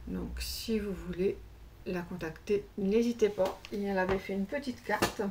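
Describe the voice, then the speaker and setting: A woman's voice: mid-range voice, normal speed, a little mellow, a little hiss or hum. A woman vlogger chatting casually to camera about her craft purchases, rambling with many fillers and self-corrections. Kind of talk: casual haul chat to camera.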